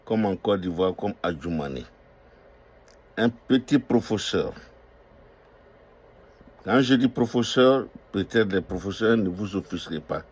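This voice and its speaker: A man's voice: on the low side, a little mellow. An older man who owns restaurants, giving an impassioned political monologue full of emphatic, repeated declarations and hesitant fillers. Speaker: restaurant owner speaking out on politics.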